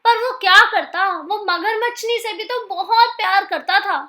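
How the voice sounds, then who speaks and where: High bright woman telling a kids' story. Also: normal speed. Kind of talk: scripted children's story narration.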